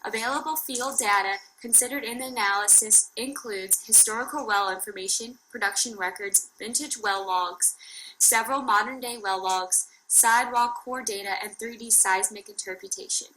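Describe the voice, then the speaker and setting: A young woman from Louisiana, a student reading a formal class presentation in an even, listing way. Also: fairly high pitch, moderate pace, slight background noise, rough recording.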